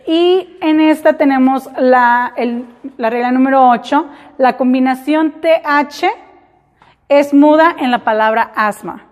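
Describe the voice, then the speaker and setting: A woman teaching a class, explaining slowly and repeating example words in English. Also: sits high, a little mellow. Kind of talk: classroom lesson. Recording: hall reverb.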